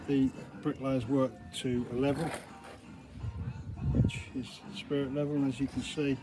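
Recorded on a handheld phone outside, a middle-aged construction manager tours a building site, offering practical explanations and frequently using the word "obviously." His medium-pitched voice is slightly slow with little pitch movement. The low-quality recording has music in the background along with loud site noise and vehicles.

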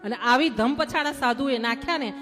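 A woman narrating a devotional story sermon in a lively, rhythmic way, with frequent asides. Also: sits high, normal speed. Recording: long hall reverb with music behind.

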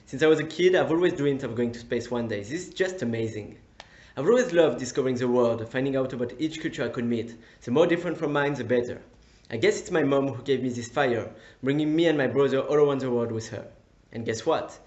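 A man in his twenties from France with a French accent, giving an earnest, enthusiastic self-introduction pitch. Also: fairly quick, a little mellow, reverberant, muffled recording. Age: 20s. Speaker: competition applicant.

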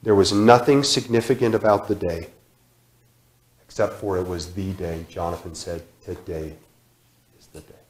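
A man in his thirties preaching a sermon in a church sanctuary, repeating phrases with emphasis and sudden drops to a hush. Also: low-pitched, moderate pace, long pauses. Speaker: guest preacher. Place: church sanctuary, large indoor room. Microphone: far camera, room mic. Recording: echoey church hall.

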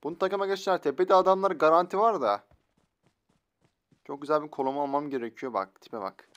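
A man's voice: a little high, brisk, highs cut off, background noise. A young man giving playful, slangy commentary while playing a shooter game, teasing his opponents. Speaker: gaming YouTuber.

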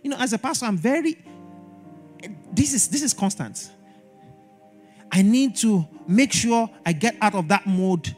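A man preaching a sermon at a church service, animated and repeating his exhortations, acting out little dialogues. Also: high voice, unhurried, pauses often, faint music behind. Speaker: pastor.

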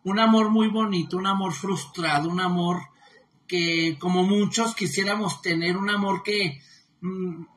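A woman's voice: lowish voice, steady tone, a little slow, a little hiss or hum. A woman hosting a live stream in a casual, affectionate, chatty way, reading out viewer comments with lots of fillers. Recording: roomy echo.

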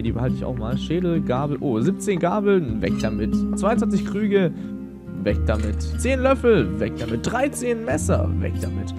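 A young man giving casual gameplay commentary, thinking aloud in a slangy, rambling way. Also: medium pitch. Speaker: let's player. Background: game music.

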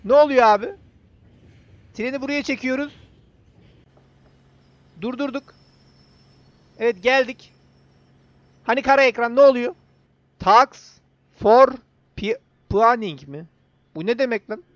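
A man's voice: extremely high pitch, measured pace, pauses often, no room sound, lo-fi sound. A young man giving casual gameplay commentary, chatting to the game character and to viewers. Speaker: gaming YouTuber.

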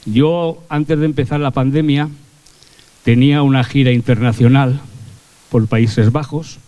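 A man's voice: mid-range voice, steady tone, a little slow, dark tone, no room sound. An older male stage comedian and singer telling chatty, crude jokes live on a theatre stage with a handheld mic. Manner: chatty, folksy storytelling with crude slang. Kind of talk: live stand-up joke telling.

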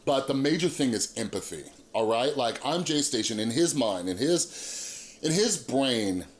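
A man's voice: mid-range voice, lively intonation, a little slow. A man in his thirties hosting a YouTube channel, giving casual, earnest opinion commentary and often checking that listeners agree. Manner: earnest, emphatic, seeks agreement with frequent rhetorical tags. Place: small indoor room with monitors.

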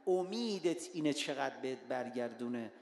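A preacher putting on a soft, gentle old holy man. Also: mid-range voice, expressive, creaky, slight background noise, pitched below the performer's own voice. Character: gentle, patient older holy man, calm and kind. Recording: echoey hall with faint ambience.

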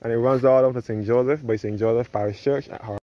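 A fast-talking man with a medium, steady, mellow voice walks viewers through a churchyard perched on a cliff, restating his points as he goes. As a travel vlogger holding his own phone camera, he's recorded in dull, lo-fi outdoor sound with background noise.

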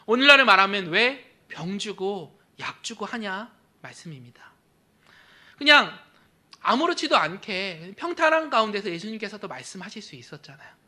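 Male pastor, sermon delivery in a church: high-pitched and piercingly bright, emphatic, with phrase ends that trail to a near whisper. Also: sing-song, moderate pace.

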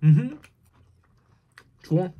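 A man's voice: high-pitched, lively intonation, extremely slow, breathy edge, phone-quality sound. A young man vlogging a food tasting in casual slang, talking with his mouth full of fries. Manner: slangy, addresses viewers as brothers and guys.

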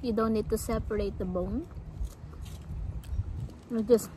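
A woman's voice: medium pitch, fairly even intonation, a little slow, warm tone, a little hiss or hum, poor audio. A woman with a Filipino accent, chatting casually as a vlog host while eating with her mouth full. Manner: chatty, switches between English and Tagalog mid-sentence. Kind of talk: casual mukbang chat.

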